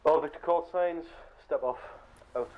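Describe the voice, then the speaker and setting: A man giving brisk, formal convoy orders and call signs over a walkie-talkie radio net. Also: on the high side. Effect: heard over a walkie-talkie radio net. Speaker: convoy commander in a military sim game. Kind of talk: clipped radio procedure. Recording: muffled lo-fi radio with faint hiss.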